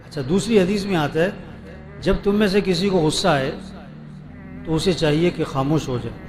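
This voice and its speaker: A man's voice: a little high, music in the background. A man preaching a sermon to a seated gathering with a Pakistani Urdu accent, repeating questions for his listeners to answer. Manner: rhetorical questions, call-and-response repetition.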